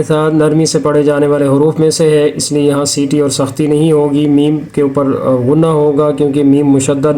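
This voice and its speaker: A man teaching tajweed in a methodical, repetitive way, breaking into slow, drawn-out Quran recitation between explanations. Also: on the high side, warm tone. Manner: methodical, repeats rules step by step. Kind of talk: Hindi-Urdu lesson on tajweed, with recitation.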